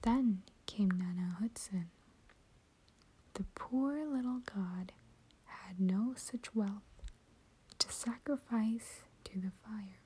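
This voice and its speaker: A woman hosting her own channel, reading a short story aloud in a soft, steady whisper. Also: mid-range voice, slow, long pauses, slight background noise, low-quality recording.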